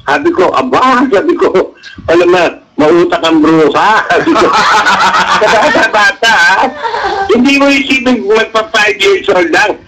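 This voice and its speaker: A man's voice: high-pitched, a little slow, poor audio. A middle-aged man, a guest on a radio show, chatting casually and acting out the dialogue in his anecdotes. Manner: animated storyteller, acts out quoted dialogue. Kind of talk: casual radio interview chat.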